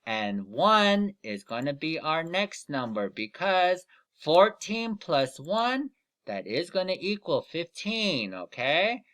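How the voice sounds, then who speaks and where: A man teaching young children in the manner of a kids show host, explaining deliberately step by step and often checking in with "okay?". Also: on the high side, big pitch swings, a bit bright. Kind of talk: children's lesson instruction.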